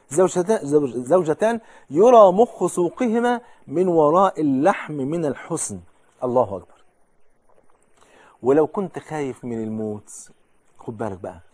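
An Egyptian male preacher delivers a sermon. His voice sits a little high, and he moves between forceful, emphatic declaiming and soft, hushed asides. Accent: Egyptian Arabic. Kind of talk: sermon on the afterlife.

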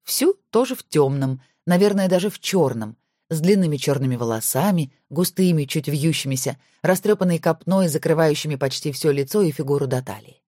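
A woman narrating a novel aloud in an even storytelling manner. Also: deep voice, brisk, no room sound, studio quality. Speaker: audiobook narrator.

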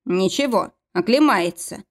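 A woman voicing a calm, confident young man who speaks evenly. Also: mid-range voice, unhurried. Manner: calm and even.

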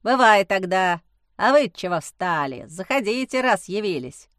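A short, homely male house spirit from a fairy-tale audiobook, voiced by a woman. He mutters gruffly and plainly. The recording is close and dry. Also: medium pitch, animated, measured pace, a bit bright, no echo.

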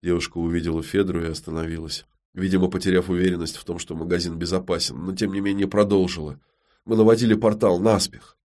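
Deep-voiced male audiobook narrator. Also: little pitch movement, fast talker, hardly any pauses, darkish tone. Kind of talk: scripted narration.

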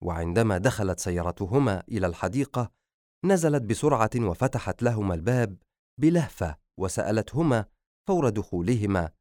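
Deep, expressive male audiobook narrator. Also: a little fast, dry recording, clean studio sound.

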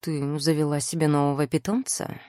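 A woman playing a sleepy, teasing young male warlock husband who speaks low, muffled and warm. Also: little pitch movement, moderate pace, no room sound, clean studio sound, lightly acted. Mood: drowsy, teasing.

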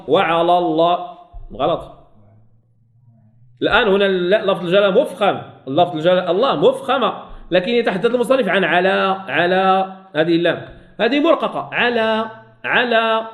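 A man with a Moroccan Arabic accent teaching a recitation lesson, drawing out words slowly and repeating them to demonstrate. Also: sits high, a bit bright, roomy sound.

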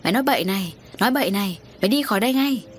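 A woman's voice: medium pitch, lively intonation, racing, slight background noise, lightly acted. A woman narrator voicing a hot-tempered middle-aged farm wife who scolds and panics. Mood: furious.

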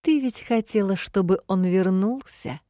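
A woman reading as a cruel male demiurge, sly and sadistic, in an audiobook. He taunts with caustic mockery, low and unhurried, and the recording is dry. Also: fairly even intonation, gravelly, darkish tone, dry recording, full character voice. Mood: caustic taunting.

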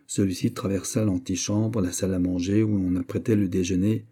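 A man narrating a classic novel aloud in a steady, even-paced storytelling manner. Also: on the low side, breathy edge. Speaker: audiobook narrator.

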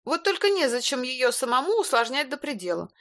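A woman reading an audiobook, voicing a fussy young woman with a nasal, slightly husky voice and a needling, wheedling manner. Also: high voice, very animated, fairly quick, a bit bright, pitched above the performer's own voice, exaggerated voice. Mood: irritated wheedling. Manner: whiny, needling, sugary then cold. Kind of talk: audiobook character voice.

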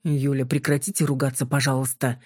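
A woman voicing a calm, courteous male vampire in an audiobook, steady and measured even under insults. The tone stays low and husky in a dry, close recording. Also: dry recording. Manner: measured, polite.

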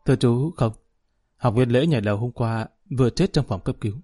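A man's voice: mid-range voice, a little fast, warm tone, close to an everyday voice. A man reading the lines of a polite, deferential young staff member in an audiobook.

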